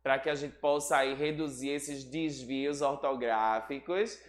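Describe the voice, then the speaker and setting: A teacher giving a recorded class. The teacher keeps checking in with students through tag questions and stretches example words out slowly. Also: medium pitch, steady tone. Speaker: school teacher. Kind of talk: recorded remote class lesson. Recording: roomy echoey room sound.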